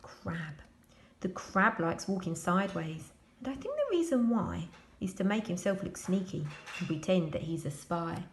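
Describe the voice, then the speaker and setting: A woman reading a children's picture book aloud as a school storyteller, expressive and addressing young children. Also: on the low side, normal speed, reverberant, slight background noise.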